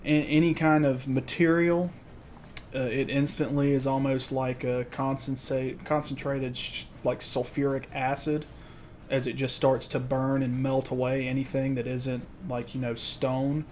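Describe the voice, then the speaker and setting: A man improvising narration as game master of a tabletop game, explaining in a halting way. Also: medium pitch, little pitch movement, darkish tone. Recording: faint background noise.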